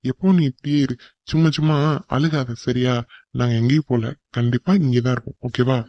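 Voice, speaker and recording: A man voicing a teasing older brother in a cartoon family, calm and brotherly with the youngest sibling. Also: mid-range voice, brisk, no room sound, dull audio, close to an everyday voice. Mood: soothing. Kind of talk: cartoon voice acting.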